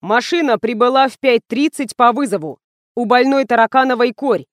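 A woman's voice: on the high side, normal speed, dry recording, clean studio sound, natural voice. A woman reading the part of an officious, curt male ambulance doctor.

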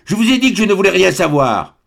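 A man's voice: fairly high pitch, expressive, moderate pace, creaky, pitched above the performer's own voice. A man doing an outraged old baron. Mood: thundering. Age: older. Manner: thundering, indignant, imperious. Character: stern proud old male baron, outraged aristocrat.

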